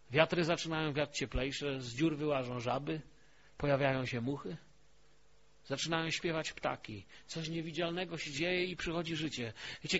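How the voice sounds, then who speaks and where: A man preaches, telling stories that move from hushed asides to emphatic peaks. The recording sounds dull and lo-fi, as if taken in a church. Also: on the high side, gravelly, breathy edge. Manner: storytelling, swings from hushed to emphatic. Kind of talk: sermon.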